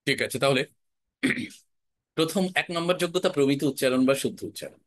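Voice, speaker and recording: A man teaching an online class on spoken-word art, explaining in a measured, emphatic way with deliberate pauses. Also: medium pitch, expressive, no echo. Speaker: recitation and voice teacher.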